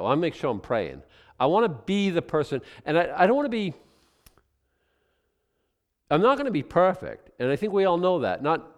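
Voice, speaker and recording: A man's voice: on the high side, long reverb tail. A male pastor teaching a Bible passage in a conversational way, musing aloud about his own guesses and chuckling as he goes.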